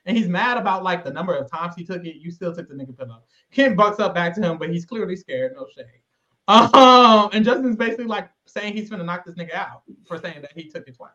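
Brief: male podcast co-host, high and swooping voice, slangy recap banter, dull lo-fi sound. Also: fast. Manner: animated, slangy, dramatic storytelling. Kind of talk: casual recap chat.

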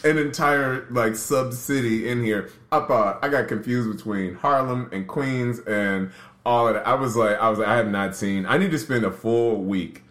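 A man's voice: mid-range voice, normal speed, a bit bright, reverberant. A man hosting a podcast, telling stories in a laid-back way and acting out the dialogue. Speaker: podcast host. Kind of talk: casual chat.

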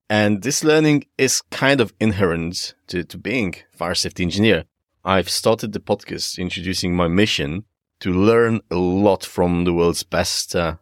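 A deep-voiced man with a Polish accent hosts a solo podcast, speaking to listeners in an enthusiastic, informal way that is semi-scripted. The recording is studio quality with no room sound.

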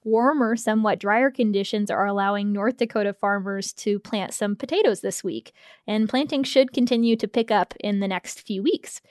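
A woman's voice: mid-range voice, moderate pace, darkish tone, dry recording, studio quality. An American woman reporting farm news in a plain, matter-of-fact way. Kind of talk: casual podcast interview.

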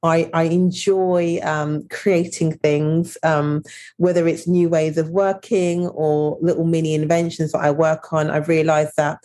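A woman from Birmingham, England, speaking earnestly as a podcast guest, often pausing with ums and restarting her phrases. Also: sits low, little pitch movement, warm tone. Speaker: podcast guest, company CEO. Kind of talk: conversational interview.

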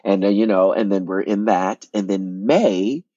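Low-voiced man, dry dull sound. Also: measured pace, dry recording. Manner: animated, repeats words and restarts often. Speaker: guest, actor and playwright. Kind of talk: casual storytelling interview.

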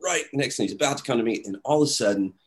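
A man at an ordinary pitch telling a story in relaxed, casual talk. He is animated and acts out what people said, with lots of fillers along the way. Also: very fast.

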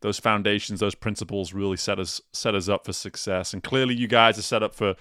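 A man's voice: fairly low pitch, fairly even intonation, fairly quick, sharp tone, no echo, clean studio sound. A man hosting a podcast, summing up an interview in an earnest, upbeat way and often repeating words as he thinks. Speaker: podcast host. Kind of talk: podcast wrap-up talk.

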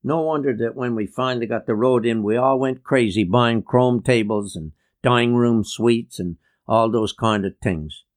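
Brief: male reader voicing old outport woodsman, relaxed yarning delivery. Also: mid-range voice, normal speed, few pauses, close to an everyday voice. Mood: reminiscing. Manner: easygoing storytelling.

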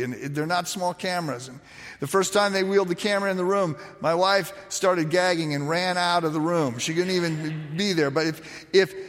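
This sermon comes from a man whose slightly high voice gets raspy at quieter moments. He preaches through lively storytelling, full of fillers and restarts, and the big hall adds a long echo.

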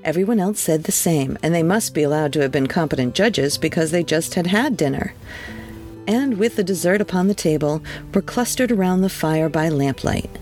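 A podcast host reading a classic holiday story aloud, measured and expressive with wry asides. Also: mid-range voice, soft background music. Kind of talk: storybook narration.

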